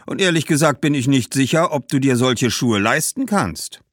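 Narrator as a shrewd grumbling shoemaker, animated and skeptical, dry close sound. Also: male voice, mid-range voice, moderate pace, no echo, pitched above the performer's own voice, close to an everyday voice. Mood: haggling. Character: gruff, shrewd middle-aged male shoemaker.

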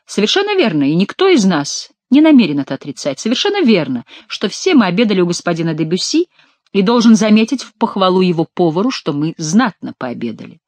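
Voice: mid-range voice, sing-song, fast, darkish tone, dry recording. A narrator voicing an earnest, deferential young male courtier in an audiobook. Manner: formal, deferential. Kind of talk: audiobook character reading.

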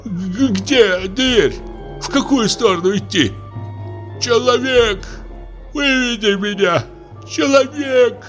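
A man's voice: sits high, animated, slow, a bit bright, soft background music, voice pushed up, full character voice. A man voicing an old, hard-of-hearing retired naval captain who mishears and blusters. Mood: indignant. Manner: mishears, then blusters indignantly.

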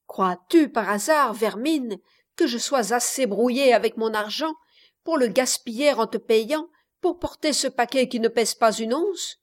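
A woman putting on a shrill old miser. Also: a little slow, lightly acted. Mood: scolding. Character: miserly old man, whining and suspicious.

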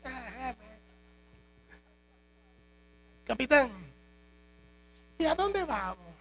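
Man doing a whiny young recruit, high pleading voice, gravelly edge, fussy questions. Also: very animated, very slow, fairly bright tone, full character voice. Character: whiny young male recruit pestering his captain.

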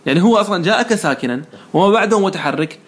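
A man's voice: sits high, animated, very fast. A man teaching Arabic morphology one-on-one, patiently quizzing his student and praising the answers. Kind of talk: one-on-one lesson, question and answer.

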